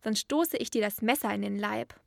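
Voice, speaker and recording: A woman's voice: medium pitch, normal speed, vocal fry, no room sound, clean studio sound. A woman voicing a wild little robber girl, blunt, bossy and threatening, in a storybook reading.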